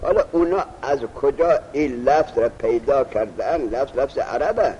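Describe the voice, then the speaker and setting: A man's voice: mid-range voice, animated, mellow. A male teacher giving a classroom lesson, reading a text aloud, then explaining it and quizzing his students. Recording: muffled lo-fi recording with faint hiss.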